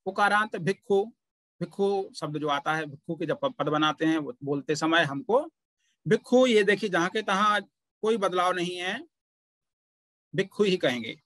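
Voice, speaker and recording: A man teaching a Pali grammar class, explaining patiently and pausing often to point things out. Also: sits high, fairly bright tone, no echo. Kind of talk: online grammar lesson.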